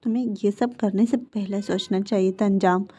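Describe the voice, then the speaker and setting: A woman plays a stern mother in a storybook retelling, turning cold and menacing. She speaks low and slow, close to a whisper, in a dark, mellow voice. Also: fairly even intonation, lightly acted. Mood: menacing, hushed.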